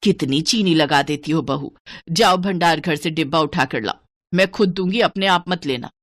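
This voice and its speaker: Woman voicing a miserly old mother-in-law, bossy, scolding, low voice, dry cartoon sound. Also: normal speed, no room sound. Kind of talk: cartoon voice acting.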